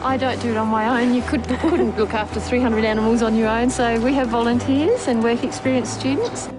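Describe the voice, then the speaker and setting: A woman who runs an animal rescue centre, explaining her work in a relaxed, plainspoken way with many ums and uhs. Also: fairly high pitch, brisk, low-quality recording. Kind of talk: casual explaining in interview. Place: wildlife rescue farm. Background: background music.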